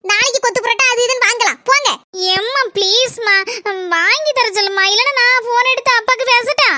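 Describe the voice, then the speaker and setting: A woman voicing a fiery sharp-tongued cartoon wife. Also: extremely high pitch, brisk, heavy background noise. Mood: scolding. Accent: Kanyakumari Tamil. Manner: scolding, bickering.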